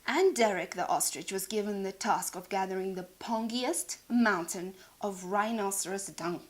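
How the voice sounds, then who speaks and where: A woman narrating a children's storybook in a dramatic, expressive way. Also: mid-range voice, normal speed. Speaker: storybook reader.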